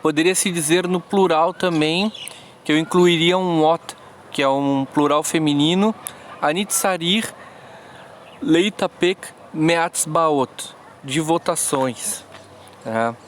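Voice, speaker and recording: Halting man explaining slowly. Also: a little high, steady tone, slight background noise. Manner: slow, halting explanations with frequent restarts. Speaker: language teacher. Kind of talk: screen-recorded app tutorial.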